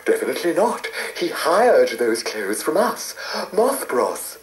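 A woman's voice: low voice, very animated, pitched above the performer's own voice. A woman voicing a flustered, breathless male snail who pants and hurries. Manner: panting and hurried. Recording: echoey room.

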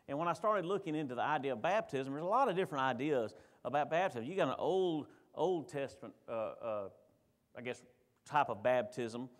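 A man preaching a sermon in a church, in a conversational way full of restarts and repeated words. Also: medium pitch. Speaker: pastor.

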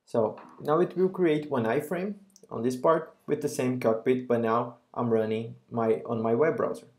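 A man, a software solution architect, narrating a screen-recorded software demo in a relaxed explaining way with frequent pauses and fillers. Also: mid-range voice.

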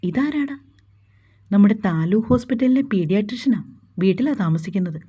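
A woman's voice: medium pitch, animated, moderate pace, warm tone, husky. A woman voicing a stern, protective young man, speaking curtly and bossily. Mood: bossy. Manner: curt, bossy.

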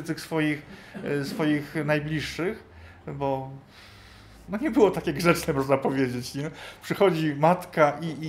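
Higher-voiced man teaching a Bible class. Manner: thinking aloud, often tagging questions to the listeners. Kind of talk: conversational Bible teaching to a group.

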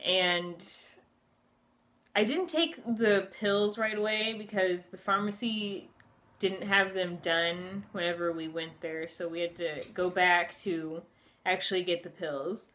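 A woman's voice: fairly low pitch, slow, fairly bright tone. A woman in her twenties talking casually to camera at home as a vlogger, in a chatty, conversational way with plenty of filler phrases. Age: 20s. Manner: chatty, conversational, frequent "like" and "you know". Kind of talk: casual personal storytelling to camera. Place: furnished room at home, indoors.

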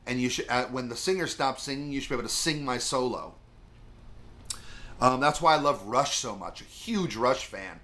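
A man's voice: medium pitch, lively intonation, normal speed, bright, forceful tone. Chatty man giving a guitar lesson. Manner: rambling, chatty, lots of fillers. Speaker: music teacher. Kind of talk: casual video guitar lesson.

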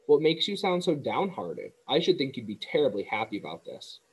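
A man's voice: mid-range voice, big pitch swings, brisk, breathy edge, rough recording. A man voicing an eager young pig. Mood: earnest.

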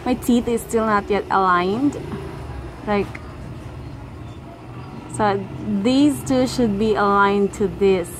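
A woman's voice: mid-range voice, takes it slowly, long pauses. A young woman vlogging casually, talking with a finger at her lips while showing her teeth, chatty and apologetic. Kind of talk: casual vlog update. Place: indoors beside a busy street. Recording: noisy street traffic behind. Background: road traffic noise.

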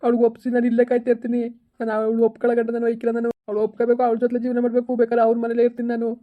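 A man's voice: very high-pitched, completely flat delivery, rapid-fire. A man playing a tearful, begging husband. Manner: pleading, tearful, repetitive. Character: desperate young husband begging to win back wife. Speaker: estranged husband in a village comedy skit. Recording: tinny phone-like sound.

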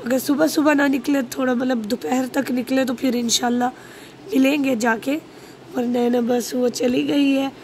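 Young woman, hoarse, high-pitched, chatty vlog talk, faint background noise. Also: fairly even intonation, normal speed, darkish tone. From Pakistan. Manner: chatty, repeats pious phrases. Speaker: vlogger. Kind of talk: casual vlog narration.

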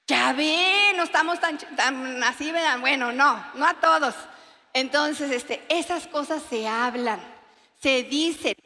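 A high, bright Mexican woman in her forties speaks to a crowd of women in a chatty, joking way, often slipping into little scenes from daily life. Her voice rings with long reverb from a large hall. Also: measured pace. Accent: Mexican Spanish. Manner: chatty, joking, acts out everyday dialogues. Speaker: conference speaker. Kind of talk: humorous sermon talk.

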